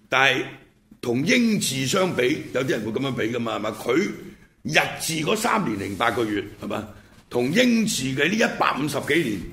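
A gravelly, creak-laden male voice of middling pitch, with a Hong Kong Cantonese accent. He delivers off-the-cuff political and historical commentary as a show host. His phrasing is blunt and colloquial, and he keeps checking in with rhetorical tag questions. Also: a bit bright. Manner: punctuates points with frequent rhetorical check-in questions.

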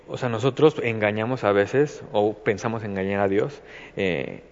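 A man's voice: on the low side, moderate pace, a little mellow. Rambling Mexican man in a reverberant room. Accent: Mexican Spanish. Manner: rambling, many fillers and restarts. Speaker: Bible study speaker. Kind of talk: informal devotional talk. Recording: dull, reverberant recording.

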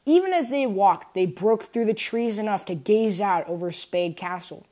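A woman reading a fan adventure story aloud at a mid-range pitch. She narrates expressively, shaping the scenes like a storyteller. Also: normal speed. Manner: expressive storytelling, voicing characters.

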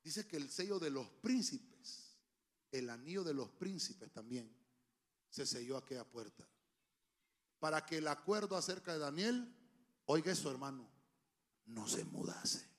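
A man preaching a sermon, emphatic and humorous, with sudden shouts, into a handheld microphone. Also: a little high, animated, a little slow, pauses often. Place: church.

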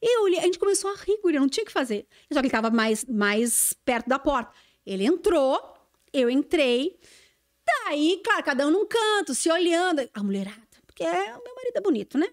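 A woman's voice: high-pitched, brisk. A woman, a TV journalist telling a story in a casual podcast chat and acting out the dialogue. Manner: animated storyteller who acts out quoted dialogue.

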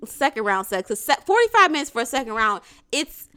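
Animated, bright-voiced woman in her thirties. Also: fairly high pitch, brisk, smooth. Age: 30s. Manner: blunt, profane, animated. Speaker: podcast co-host. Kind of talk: casual chat.

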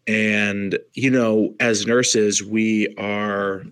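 Animated man in casual chat. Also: lowish voice, very slow, clear, resonant tone, no room sound. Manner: animated storytelling, acts out exasperated exclamations. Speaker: podcast co-host, nurse. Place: home, dog nearby.

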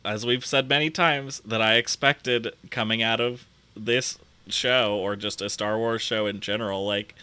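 A man in casual podcast chat, speaking slowly and pausing often on fillers. His voice is bright and smooth, and the recording is close and dry. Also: fairly low pitch, steady tone, no echo. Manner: slow, hesitant, many fillers. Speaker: podcast co-host. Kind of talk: casual chat reviewing a TV episode.

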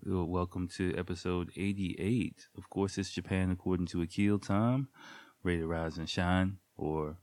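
This podcast host is a man whose low, darkish voice holds a steady tone at a moderate pace, and a cold has left his nose stuffy. Chatting alone at home late at night, he wanders through loose talk peppered with ums and goofy sound effects, captured in a dry recording.

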